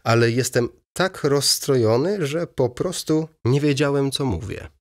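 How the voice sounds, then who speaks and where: A man's voice: mid-range voice, expressive, a little slow, voice pushed up. A man reading an audiobook voices a weary, brooding middle-aged merchant with restrained, terse replies.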